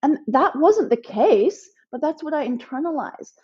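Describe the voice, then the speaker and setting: A woman's voice: high voice, sing-song, moderate pace, dull audio. A woman coach, born in Thailand and raised in Nepal, explains her ideas at length in a podcast interview, with many fillers. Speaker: guest coach for women.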